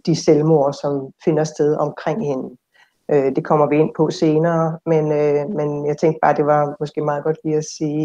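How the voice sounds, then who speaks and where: Moderator, gravelly and flat, muffled recording. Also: mid-range voice. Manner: hesitant, with many fillers. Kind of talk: literary conversation.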